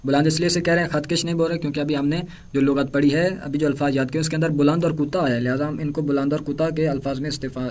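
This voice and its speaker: Male teacher, raised pitch, explains words and drills vocabulary lists aloud. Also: a little mellow. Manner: explains each word, then repeats lists of words aloud. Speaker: language teacher. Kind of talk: language lesson explaining vocabulary.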